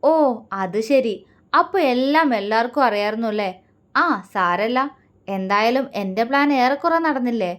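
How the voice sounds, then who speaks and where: A woman's voice: a little high, lively intonation, normal speed, fairly bright tone. A woman voicing a scheming young man who taunts and threatens the others. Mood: sneering. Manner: sneering and taunting.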